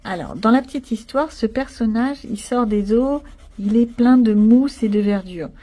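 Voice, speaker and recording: In a casual narrated coloring session, the channel host talks with her viewers at normal speed, her voice on the high side, mellow and husky. She thinks aloud as her pencils fill in a picture.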